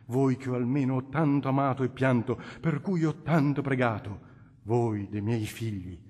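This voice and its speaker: A man doing a gentle old cardinal. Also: moderate pace, husky, lightly acted. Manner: affectionate, calm, lower and softer speech. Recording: long hall reverb.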